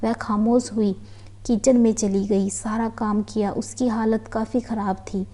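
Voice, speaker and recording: A woman storyteller reading a family story aloud in a steady, earnest way. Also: on the high side, measured pace. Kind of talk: read-aloud story narration.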